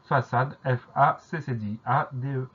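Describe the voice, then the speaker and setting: A man teaching a French spelling dictation lesson, spelling each word out letter by letter in a slow, deliberate way. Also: mid-range voice, a bit bright, slightly rough, lo-fi sound.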